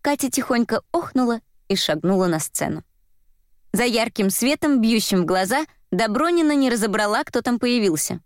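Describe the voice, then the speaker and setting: A woman narrating a crime novel as an audiobook in a measured manner. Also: a little high, lively intonation, no echo, clean studio sound. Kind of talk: scripted narration.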